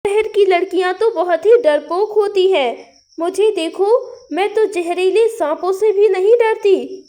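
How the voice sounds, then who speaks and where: A woman's voice: extremely high pitch, unhurried, mellow. Woman voicing a scolding old village mother-in-law. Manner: scolding, mocking.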